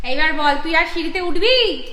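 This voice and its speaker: A mother with a high voice playfully scolds her small children in a casual home vlog, full of mock threats. She is recorded in an echoey room with noticeable background noise. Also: animated, moderate pace. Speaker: family vlogger and mother. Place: family home indoors.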